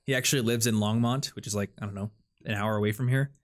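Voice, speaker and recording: Here the host is a young man whose fairly low voice stays fairly even in intonation while moving fast. Chatty and casual, he walks through ideas with plenty of "um" and "like."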